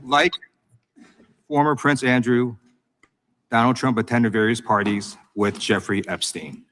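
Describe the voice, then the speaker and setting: A man's voice: medium pitch, steady tone, measured pace, fairly bright tone, a little hiss or hum. An American man with a mid-range voice speaks as a lawmaker at a formal hearing. He questions in a prosecutorial way, insistent and openly accusatory. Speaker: congressman questioning a witness at a hearing. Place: government hearing room.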